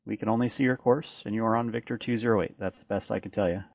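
A man working as an air traffic controller, reading out clearances in brisk, clipped phrasing over an aviation radio transmission. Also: lowish voice, steady tone, no echo. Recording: muffled dry radio audio.

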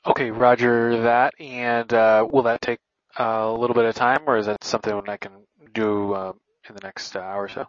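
A man speaking as a pilot on the radio in a hesitant, halting way, with dull lo-fi audio. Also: medium pitch, level tone, no room sound.

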